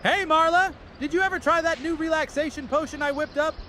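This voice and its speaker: Excitable young alchemist tinkerer, very high and piercing, eager fantasy-comedy optimist. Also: male voice, a little fast, slight background noise. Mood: excited. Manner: eager, enthusiastic. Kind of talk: scripted fantasy comedy dialogue.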